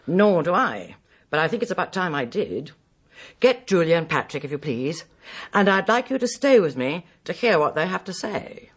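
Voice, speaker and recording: A woman playing a stern, commanding mistress of the house in a radio drama, crisp and authoritative. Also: lowish voice, big pitch swings, moderate pace.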